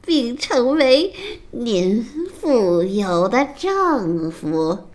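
A woman's voice: fairly high pitch, sing-song, very slow, darkish tone, full character voice. A woman voicing a sly, ugly male weaver who speaks in a cracked, grating voice. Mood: scheming.

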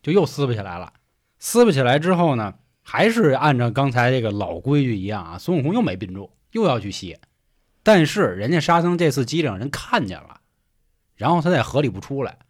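A man's voice: medium pitch, big pitch swings, brisk. A man retelling an old tale in casual chat, crude and joking.

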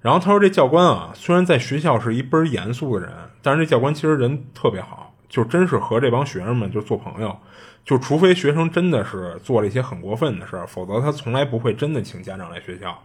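A husky-voiced man tells a ghost story at a quick clip. His delivery is chatty and casual, sprinkled with fillers, like a podcast host spinning a yarn for listeners. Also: medium pitch. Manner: chatty, animated retelling with frequent fillers.

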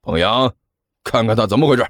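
A man's voice: mid-range voice, a little fast, fairly bright tone, no room sound, studio quality, lightly acted. Man playing a scolding math teacher. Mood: impatient. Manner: scolding, barking. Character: short-tempered male math teacher.

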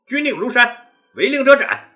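A man's voice: high-pitched, sing-song, moderate pace, exaggerated voice. A man doing a stern, commanding rebel chief. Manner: forceful, threatening.

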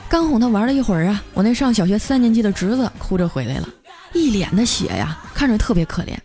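A woman tells a comic story in a chatty, lively way, drawing out her particles. Her voice sits at a medium pitch. Soft music plays under her. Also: fast talker. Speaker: radio story host.

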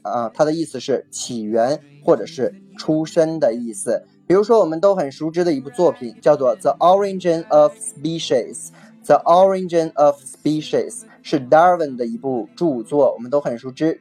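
A vocabulary teacher giving a recorded lesson, patiently explaining, repeating each key word twice and spelling it out slowly letter by letter. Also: medium pitch, a little mellow. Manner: spells words letter by letter, slow and deliberate.

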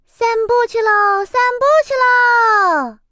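A woman's voice: very high-pitched, lively intonation, slow, fairly bright tone, no room sound, clean studio sound, voice pushed up, full character voice. A woman voicing a spoiled, whiny little egg girl in a children's storybook reading, pleading in a childish way.

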